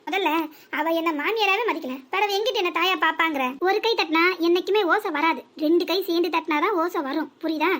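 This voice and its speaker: A woman voicing a sharp-tongued elderly village mother-in-law in a cartoon comedy, with a southern Tamil Nadu dialect and a nagging, rapid, sing-song complaint. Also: very high voice. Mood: lecturing.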